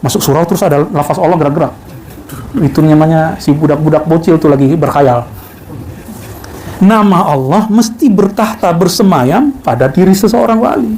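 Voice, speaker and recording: A man's voice: high voice, mellow, poor audio. A man giving a religious lecture to a live audience, mixing jokes with recited Arabic verses. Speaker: religious teacher.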